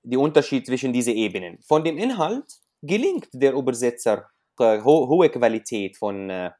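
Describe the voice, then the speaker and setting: A Syrian man, a native Arabic speaker with an Arabic accent, is interviewed as an author and often gropes for words in German, a language he learned later. His medium-pitched, mellow voice is very animated at a normal speed, and he talks hesitantly, explaining things through examples in a conversational interview.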